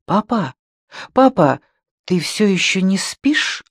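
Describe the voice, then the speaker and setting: A frightened, tender young woman from a novel pleads softly and anxiously, as a male reader gives her lines. Her words come slow and deliberate in a dry, close recording, with no room sound. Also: high-pitched, very animated, husky, no room sound, full character voice.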